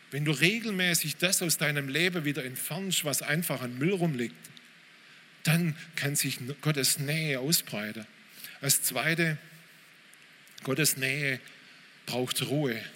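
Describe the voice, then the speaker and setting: A man preaches in a casual, direct way, his voice bright and forceful and a little high. He is on a stage mic in a church hall with a long reverb. A faint room noise sits behind him. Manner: informal, direct, addresses listeners with hey. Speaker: pastor. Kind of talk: sermon.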